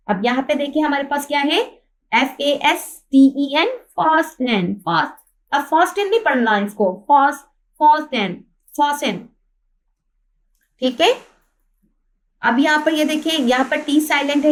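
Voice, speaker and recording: High-voiced Pakistani woman teaching a lesson. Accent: Pakistani Urdu. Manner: spells out words letter by letter, asks and answers her own questions. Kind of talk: lesson explaining a textbook.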